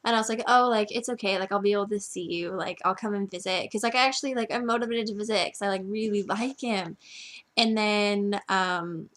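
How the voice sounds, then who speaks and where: A woman's voice: mid-range voice, fairly quick, fairly bright tone. A teenage girl casually telling a friend a story at home, filling every phrase with "like". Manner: chatty, constant "like" filler. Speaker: vlogger.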